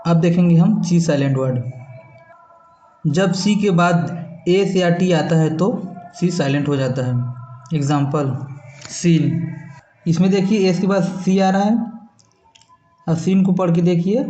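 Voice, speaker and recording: A male English teacher talks through a lesson in a patient, repetitive classroom way, often checking that his listeners follow. His voice sits a little high and has a mellow, soft tone. The room is echoey. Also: highs cut off. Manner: patient, repetitive explaining, checks understanding with tag questions. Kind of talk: classroom-style lesson explaining pronunciation.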